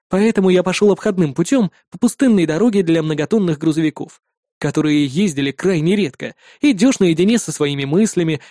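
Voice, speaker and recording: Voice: mid-range voice, mellow, no echo, clean studio sound. A reader narrating an audiobook in the first person with a wry, laid-back delivery.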